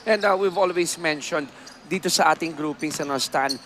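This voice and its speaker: A man with a Filipino accent, voice a little high and fairly quick, gives conversational pre-game basketball commentary as an analyst. He explains things, mixes Tagalog and English, and often adds tag questions. Background noise is present.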